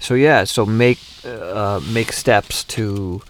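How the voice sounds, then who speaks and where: A man co-hosting a podcast, talking in a halting, casual way. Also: lowish voice, slight background noise. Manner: halting, with fillers and restarts. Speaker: podcast co-host. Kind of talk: casual chat.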